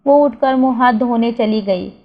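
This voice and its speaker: A woman tells an emotional story in a measured, emotive way. Her voice sits fairly high. The recording is slightly dull and lo-fi. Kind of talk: scripted story narration.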